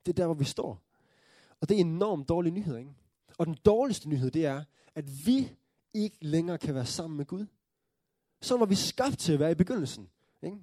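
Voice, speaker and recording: A man with a high but mellow voice delivers a sermon in an earnest storytelling way. He checks in with his listeners through tag questions and rises into joyful excitement. The sound is dry and close. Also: no room sound. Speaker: preacher.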